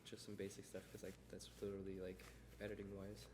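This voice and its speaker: A man's voice: low-pitched, completely flat delivery, fast, noisy background. A young man co-hosting a casual podcast in a rambling, self-deprecating way, recorded on a shared mic in a roomy space. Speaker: podcast co-host. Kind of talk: casual unscripted podcast chat. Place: indoor room, around a table. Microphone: one shared mic on a table.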